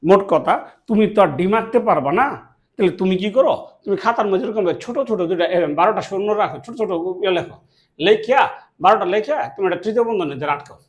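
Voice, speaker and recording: A man's voice: high-pitched, very fast. A man from Bangladesh, teaching a classroom math lesson, asking questions and answering them himself. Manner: asks and answers his own questions, repeats key words.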